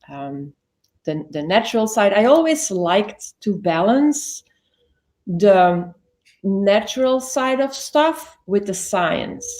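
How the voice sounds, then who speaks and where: With a warm, mid-range voice, a woman in her fifties from Belgium shares her life story as an interview guest. She's chatty, corrects herself often, and uses many "like" fillers.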